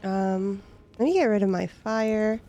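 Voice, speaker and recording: Slow-talking giggly young woman streamer. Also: mid-range voice, mellow, soft background music. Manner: giggly, chatty, talks to herself while playing. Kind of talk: casual gameplay commentary.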